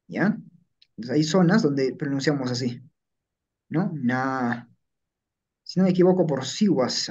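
Male teacher, husky voice, dull lo-fi sound, patient explaining. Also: mid-range voice, a little mellow. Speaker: language teacher. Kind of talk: classroom lesson. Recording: dull lo-fi recording.

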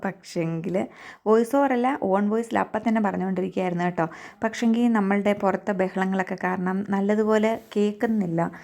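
A woman's voice: medium pitch, vocal fry, darkish tone. A young adult woman with a Keralite Malayalam accent, giving chatty voice-over narration for a home cooking vlog and often turning to ask viewers for their thoughts. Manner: chatty, tags many sentences with a friendly aside, asks viewers to share. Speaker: cooking vlogger. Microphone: voice-over recorded separately.

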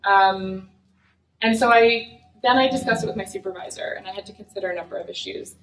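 In an echoey lecture room, picked up by a distant room mic, a young adult physician from the United States delivers an earnest, chatty academic lecture with lots of fillers. Her mid-range voice is a bit bright and fairly quick.

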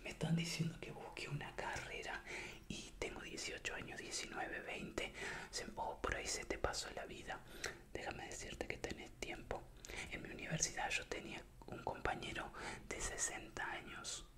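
Young Latin American man whispering a pep talk. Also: normal speed. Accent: Latin American Spanish with voseo. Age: young adult. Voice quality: breathy unvoiced whisper. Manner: soothing, repetitive, encouraging. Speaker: ASMR creator. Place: small indoor room with bare wall. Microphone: desk microphone up close.

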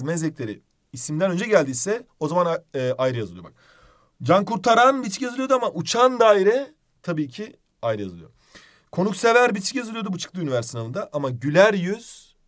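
Male teacher, high-leaning voice with a wide pitch range, brisk and emphatic exam-prep delivery. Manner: brisk, emphatic, stresses example words in a raised voice. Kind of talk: exam-prep grammar lesson.

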